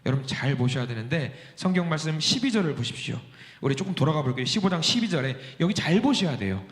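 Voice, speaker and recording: A male pastor preaching a sermon in a church, acting out the voices in his text, swinging between loud outbursts and soft, almost whispered lines. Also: a little high, big pitch swings, fast. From South Korea. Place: church sanctuary. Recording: echoey church hall.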